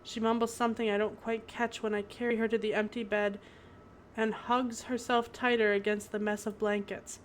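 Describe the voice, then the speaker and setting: A woman's voice: on the high side, level tone, moderate pace, slight background noise. A woman streamer narrating a visual novel aloud, breaking off for giggly asides. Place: home.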